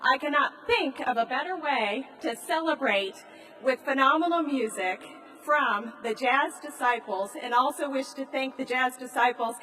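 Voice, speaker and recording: An American woman speaking as a presiding judge, giving a formal, measured ceremonial address. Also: high voice, bright, forceful tone, soft background music. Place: large grand hall in a train station. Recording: echoey large hall, distant mic.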